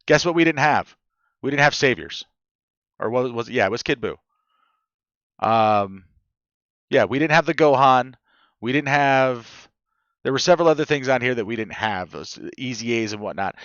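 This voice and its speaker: A man's voice: mid-range voice, animated, normal speed, a bit bright, no echo, muffled recording. Profane ranting male podcast host. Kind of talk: casual podcast chat.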